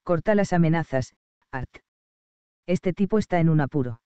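A man voicing a smooth, menacing male gangster with a purring voice, calm and mocking, as an audiobook character. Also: a little high, normal speed, no room sound, lo-fi sound, natural voice.

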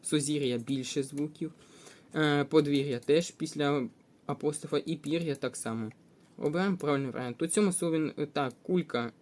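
A man's voice: on the high side, normal speed, a little mellow. Methodical Ukrainian male teacher. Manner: methodical, thinking aloud with hesitations. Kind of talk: test walkthrough lesson.

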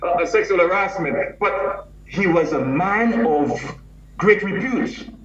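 A middle-aged clergyman lectures slowly, in measured, rhetorical phrases built on lists and repetition. He sounds distant from the mic in a reverberant hall. The audio is muffled, with a faint hum underneath. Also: fairly high pitch. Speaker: clergyman giving a memorial lecture. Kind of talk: sermon-like lecture.

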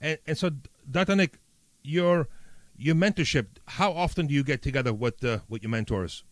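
A man from Italy with a New York accent hosting an interview, enthusiastic and halting, with many fillers. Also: fairly high pitch, dry recording. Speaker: podcast host. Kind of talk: interview conversation.

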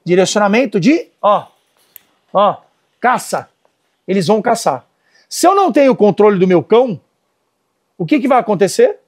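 Speaking at a moderate pace with frequent pauses, a high-pitched middle-aged Brazilian man gives a casual dog training lesson in a Brazilian Portuguese accent. He tells stories animatedly and calls out commands to the dogs and his helpers.

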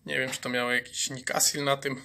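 A man's voice: mid-range voice, flat delivery, a little fast, gravelly, pushed and bright. A man restoring an old chainsaw on his workshop bench, explaining each fault as he goes, with many fillers and repeated words. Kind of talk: workshop repair commentary.

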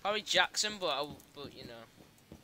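A young man chatting over voice chat while gaming, excitable, often shouting and laughing. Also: fairly high pitch, normal speed. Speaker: gamer. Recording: crowd chatter behind.

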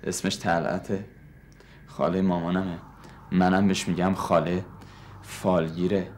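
A man's voice: low-pitched, fairly even intonation, darkish tone, slight background noise, lightly acted. An actor playing an irritable, sarcastic man who snaps at his nosy neighbors. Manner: sarcastic, snapping. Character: irritable, fed-up young man painting. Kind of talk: sitcom acting.

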